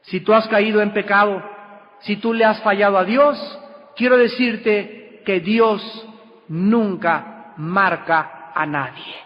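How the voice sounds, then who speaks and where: Man, preacher, sermon, high voice, slow deliberate delivery, sudden emphatic rises, echoing hall, muffled old recording. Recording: dull lo-fi recording with long hall reverb.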